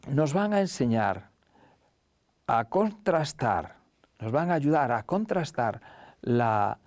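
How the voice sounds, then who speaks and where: Slow, hushed preacher man. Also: mid-range voice, dry recording, clean studio sound. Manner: slow, deliberate, dropping to a hush at key lines. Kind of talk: sermon.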